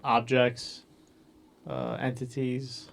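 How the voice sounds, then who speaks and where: A man's voice: mid-range voice, monotone, very slow, creaky, a little hiss or hum. A man co-hosting a casual podcast from a hotel room, asking probing questions. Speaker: podcast co-host. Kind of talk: casual chat.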